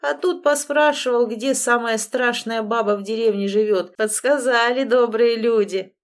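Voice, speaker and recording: A woman's voice: on the high side, moderate pace, close to an everyday voice. A woman doing a coarse sneering young thug. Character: crude scruffy young man, brash bully. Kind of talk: audiobook reading.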